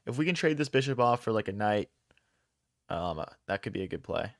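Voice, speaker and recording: A young man from Philadelphia, USA, streams chess, thinking aloud and answering chat in casual slang. His lowish voice is creaky and sing-song, a little fast, recorded in clean studio sound with no echo.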